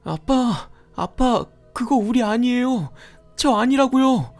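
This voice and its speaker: A man's voice: very high-pitched, lively intonation, slow, faint music behind, voice pushed up, full character voice. A man doing a sobbing, panicked little boy. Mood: frantic pleading. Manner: sobbing, shouting, pleading. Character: panicked crying young boy, older brother.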